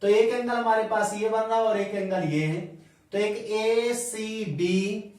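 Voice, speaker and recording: A man teaching a maths class at the board, dictating each step slowly and spelling out angle letters, mixing in English terms. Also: sits high, steady tone, darkish tone. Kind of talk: blackboard lesson, dictating steps slowly. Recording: echoey room, voice from a distant mic.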